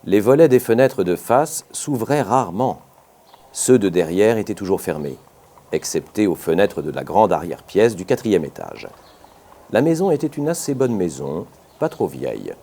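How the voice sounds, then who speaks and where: A man reading a classic detective story aloud as an audiobook narrator, in a measured, expressive manner. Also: deep voice. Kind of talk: scripted narration.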